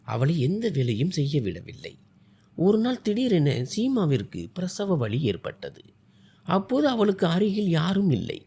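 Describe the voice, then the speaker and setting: A man's voice: a little high, warm tone, husky. A man narrating a scripted family drama story, reading expressively.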